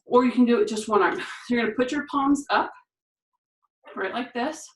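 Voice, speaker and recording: In a brisk exercise demonstration, a fitness instructor counts reps and describes each move as she performs it, a bit out of breath. Her voice is somewhat high and sounds distant, picked up by a far-off camera mic in an echoey room.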